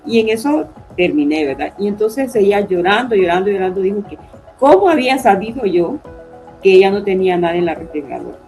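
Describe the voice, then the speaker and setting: A woman's voice: mid-range voice, warm tone, rough recording. A woman giving an earnest personal faith testimony as a panelist, often adding tag questions.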